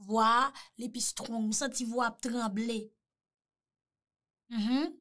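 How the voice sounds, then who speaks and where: A woman's voice: fairly high pitch, steady tone, slow, fairly bright tone. A Haitian woman giving a mocking, teasing commentary, slipping in French phrases. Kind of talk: animated commentary.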